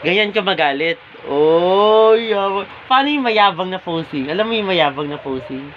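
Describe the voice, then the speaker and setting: A man's voice: sits high, expressive, moderate pace. A man filming a casual home vlog, asking playful, teasing questions. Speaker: vlogger. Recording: dull home video sound, faint hiss.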